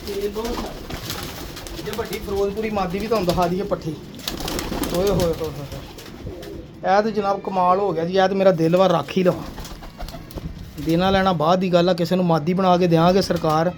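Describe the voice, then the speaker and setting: A man with a fairly high voice shows off his pigeons in a casual, persuasive pitch. He keeps calling the viewer sir and brother. Faint pigeon cooing runs behind him. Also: darkish tone, a little hiss or hum. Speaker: pigeon seller showing birds.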